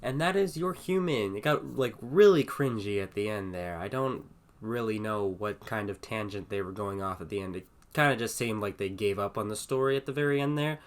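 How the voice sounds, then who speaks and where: A man's voice: fairly low pitch, fairly quick, few pauses. A young man reading fan fiction aloud and commenting on it in a rambling, exasperated way. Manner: rambling, exasperated, filler-heavy. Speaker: video host reading fanfiction.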